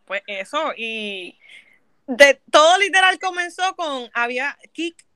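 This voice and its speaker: A young woman with a Puerto Rican accent, chatting casually with friends, loud and laughing, swearing freely. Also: high voice, big pitch swings, slow pace, dry recording. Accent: Puerto Rican Spanish. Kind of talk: casual chat among friends.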